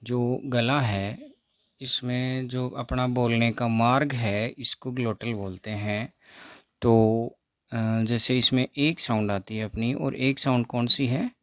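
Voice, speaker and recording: Male teacher, measured and unhurried, dry close sound, models sounds for the class to repeat. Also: mid-range voice, fairly even intonation, a bit bright, no echo. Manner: slow, repeats sounds for students to copy. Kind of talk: explaining phonetics lesson.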